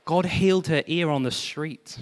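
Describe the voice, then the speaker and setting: A man pastor preaching a sermon, animated, with self-deprecating humor and exclamations of praise. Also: a little high, normal speed, long reverb tail.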